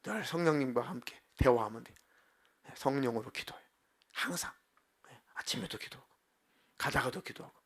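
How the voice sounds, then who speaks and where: A male pastor preaching a sermon in church, acting out heartfelt prayers and swinging from soft to loud. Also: medium pitch, animated, brisk, pauses often. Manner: acts out prayers and inner voices with big swings in loudness. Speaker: senior pastor. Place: church sanctuary.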